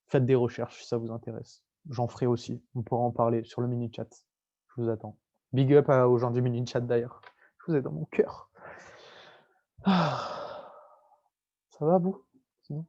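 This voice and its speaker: A man's voice: mid-range voice, warm tone, lo-fi sound. A young man tutoring students online, explaining with jokes, playful mnemonics and chatty asides to the viewers. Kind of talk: casual lecture with mnemonics.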